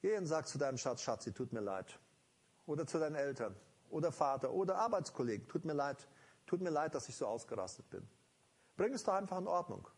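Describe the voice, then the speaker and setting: A man's voice: a little high, a little mellow, husky. A man preaching a sermon, earnest and emphatic, speaking directly to his congregation.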